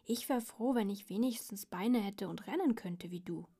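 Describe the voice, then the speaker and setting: A woman's voice: mid-range voice, moderate pace, warm tone, breathy edge. A woman doing a teasing earthworm. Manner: teasing, giggling. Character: cheeky gloating earthworm.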